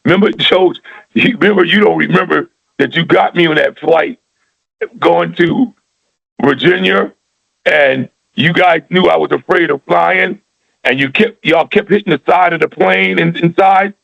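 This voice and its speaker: A man's voice: on the high side, normal speed, gravelly, a bit bright, muffled recording. A man, a former football player from South Philadelphia, chatting casually on a podcast and laughing a lot as he retells stories. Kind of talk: casual chat.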